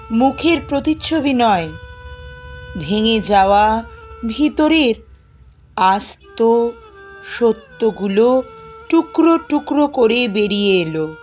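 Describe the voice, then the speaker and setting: A woman recites poetry in an expressive, dramatic way, plaintive and emotive with drawn-out pauses. Her voice sits a little high, with music in the background.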